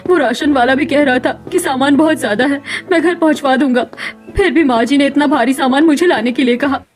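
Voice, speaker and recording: A woman voicing a meek, mistreated young village wife in a cartoon story, gentle and pleading. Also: high-pitched, a little fast, faint music behind, close to an everyday voice.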